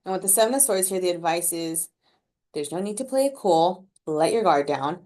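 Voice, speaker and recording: A woman's voice: on the low side, lively intonation, normal speed, darkish tone. A woman giving a casual collective tarot reading to her viewers, chatty and slangy, laughing at her own remarks and filling her talk with "like.". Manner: chatty and slangy, with many "like" fillers. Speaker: tarot reader.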